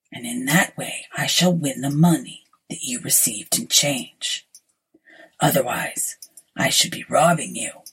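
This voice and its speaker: A woman's voice: a bass voice, slightly rough, voice pushed down, heavily acted, low-quality recording. Woman doing a pale, whispering male stranger. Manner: hushed whisper, slow and deliberate.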